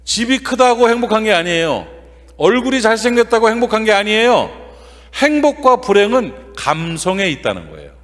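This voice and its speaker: A man preaching a revival sermon as guest pastor in a church, folksy and lively, throwing quick questions at the congregation. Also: high-pitched, long reverb tail. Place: church sanctuary.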